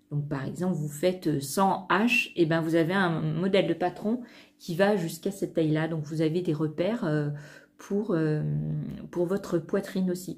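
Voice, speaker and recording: A woman's voice: lowish voice, warm tone. A woman vlogger talking casually to camera about sewing patterns, hesitant, with many fillers and restarts.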